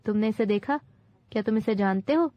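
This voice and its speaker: A woman's voice: mid-range voice, dry recording, lightly acted. A woman voicing a scheming nobleman whose words drip venom and who barks orders at servants. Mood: cold. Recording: dull dry recording.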